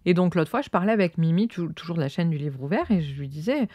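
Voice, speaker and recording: A woman's voice: on the low side, expressive, quick pace, no room sound, muffled recording. A woman with a Cantal accent from Auvergne, hosting a podcast and chatting casually while she crochets, rambling with many fillers. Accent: Cantal, Auvergne French. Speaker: podcast host. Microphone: own close microphone.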